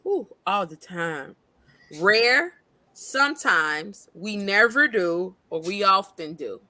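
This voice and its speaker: A woman's voice: mid-range voice, animated, slow, sharp tone, no echo. A woman co-hosting a casual chat show, a mother who is playful and laughs often. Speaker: co-host.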